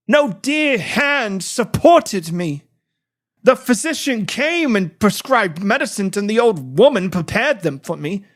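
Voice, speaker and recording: Narrating a literary audiobook, a man takes on the role of an imprisoned gentleman wracked by anguish and guilt. His voice sits high, and his theatrical, brooding delivery sounds anguished and weary.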